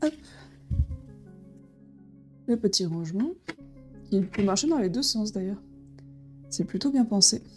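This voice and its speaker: A woman talks through a board game she is unboxing, in a casual, halting way full of fillers and restarts. Her voice sits at an ordinary middle pitch. Soft background music plays faintly behind her. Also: lively intonation. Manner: hesitant, many fillers and restarts.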